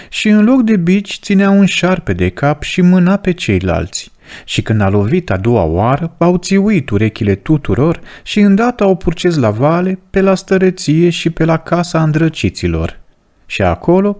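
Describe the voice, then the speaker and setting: A man reading a devotional story aloud in an expressive storytelling manner. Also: fairly high pitch. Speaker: reader of a religious book.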